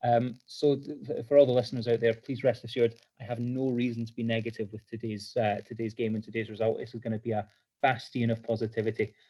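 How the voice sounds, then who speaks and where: Man, podcast host, flat delivery, chatty. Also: medium pitch, fast talker, dull audio. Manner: self-deprecating, chatty. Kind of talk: live podcast chat.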